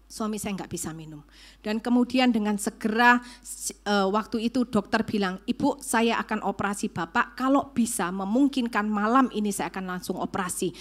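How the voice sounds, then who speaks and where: A woman preacher, telling a personal story in a sermon and acting out the dialogue. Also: on the high side. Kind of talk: sermon testimony. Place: church service.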